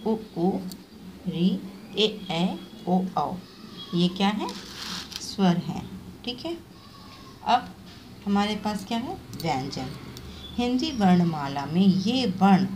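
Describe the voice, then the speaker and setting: Slow, patient woman teaching a class. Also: lowish voice, background noise. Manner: explains step by step, often checks with "ठीक है" in a rising tone; spells out sounds and syllables slowly. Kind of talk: online class lesson.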